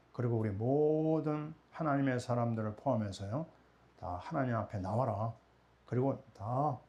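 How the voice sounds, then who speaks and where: A middle-aged pastor from Korea preaching a sermon, often asking rhetorical questions and answering them himself. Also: male voice, medium pitch, mellow.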